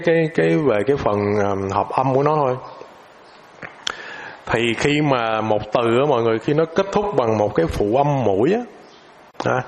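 A man teaching an informal lesson, hesitant, repeating filler words and ending phrases with a soft tag. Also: mid-range voice, slight background noise.

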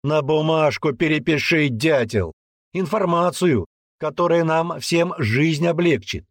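A man voicing a gruff, brutal old male warrant officer who barks and taunts loudly. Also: a little high, animated, a little slow, dry recording, clean studio sound, voice pushed up. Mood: taunting. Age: older. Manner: barking, taunting, loud.

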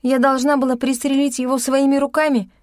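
A sharp-tongued young woman snaps back and dodges questions in a dry, close audiobook reading, as the narrator plays her. Her pitch sits higher than the narration and her lines come out defiant. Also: little pitch movement, fairly quick, no echo, natural voice.

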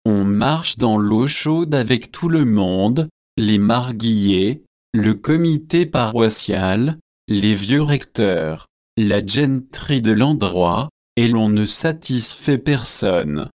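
A man voicing a pompous, earnest young male curate, speaking gravely and with self-satisfaction. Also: fairly low pitch, lively intonation, slow, a little mellow, dry recording, studio quality.

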